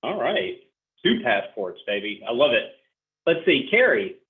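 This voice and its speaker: Speaking at a measured pace, a very animated man with a mid-range voice facilitates a casual sales class over video. He chats brightly while inviting each participant in turn, and the audio has a tinny, telephone quality.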